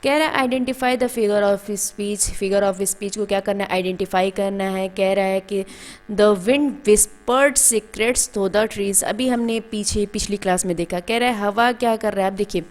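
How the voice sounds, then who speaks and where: A woman's voice: mid-range voice, fairly even intonation, normal speed, few pauses. Woman teacher explaining step by step. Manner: explains step by step, asks and answers own questions; calls students "beta". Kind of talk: classroom grammar lesson.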